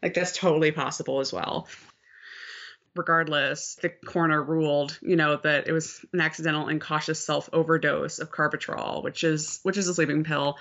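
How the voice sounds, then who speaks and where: A woman co-hosting a podcast, telling the story in a candid, expressive, casual way and swearing freely. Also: low voice, moderate pace. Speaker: podcast co-host. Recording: slightly muffled lo-fi sound.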